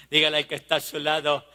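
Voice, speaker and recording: A man's voice: a little high, sharp tone, big-room sound. A man preaching a sermon as pastor, impassioned and building on insistent repeated refrains.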